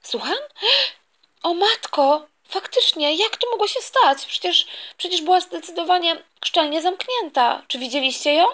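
A woman's voice: very high-pitched, lively intonation, moderate pace, a bit bright. A woman voicing a polite female shop assistant in a toy story, sweet and easily flustered.

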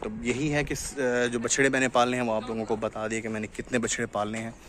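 Talking fast at medium pitch, a young adult cattle farm vlogger from Pakistan gives a steady, explanatory tour of his farm construction site. He films the casual vlog outdoors on his phone in selfie framing, where wind and tractors can be heard.

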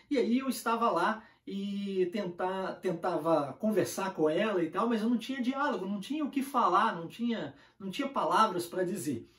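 A man with a Brazilian Portuguese accent tells a personal story as an English lesson, animated and chatty, and he acts out the dialogue. The sound is echoey, as if the mic sits some way off in a bare room. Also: high voice, distant mic. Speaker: English teacher. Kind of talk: casual anecdotal lesson.

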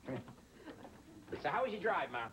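A man's voice: on the high side, big pitch swings, normal speed, very noisy. An actor playing an easygoing but flustered man, a teacher, who stammers and restarts nervously in a sitcom. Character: easygoing, flustered middle-aged male teacher. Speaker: high school teacher. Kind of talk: sitcom acting.

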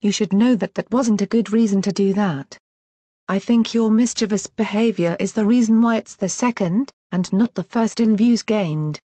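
Stern lady teacher in a cartoon, tts woman, medium pitch, very dry sound. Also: dark tone, no room sound, close to an everyday voice. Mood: scolding. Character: stern, scolding adult female schoolteacher. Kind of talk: animated school video dialogue.

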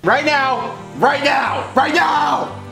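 A young man reciting haltingly in a strained way, his mouth burning from spicy food during a food challenge. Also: very high voice, creaky, music in the background. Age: young adult. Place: indoor dining room, camera across table.

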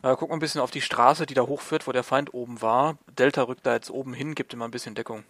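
A man's voice: medium pitch, fairly even intonation, fast, a bit bright. A man playing a military co-op game, switching between casual chat and clipped radio phrases on a close headset mic. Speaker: video game player. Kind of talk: casual chat and radio calls during tactical co-op gameplay.

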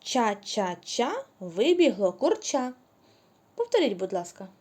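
A woman teaching a preschool reading lesson, drawing out syllables slowly and praising the children cheerfully. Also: mid-range voice, expressive, dark tone. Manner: slow, drawn-out syllables when modeling words. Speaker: kindergarten teacher.

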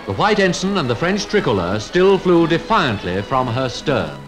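A man giving scripted narration for a 1940s newsreel, in a solemn, formal, measured voice over an old archive soundtrack. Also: a little high, big pitch swings, music in the background, poor audio.

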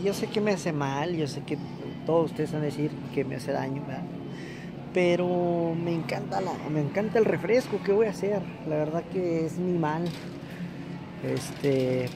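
Gravelly Mexican man rambling to camera. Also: a little high, normal speed, background noise. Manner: rambling, with many filler words. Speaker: vlogger. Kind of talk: casual vlog chat. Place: on the way to work and at a store.

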